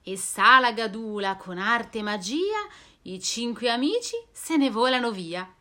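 A woman reading a rhyming children's storybook aloud, expressive and sing-song. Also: on the high side, a little slow.

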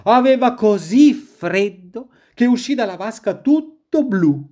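A woman reading a children's story aloud in a slow, sing-song storytelling manner. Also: fairly high pitch, lively intonation, warm tone.

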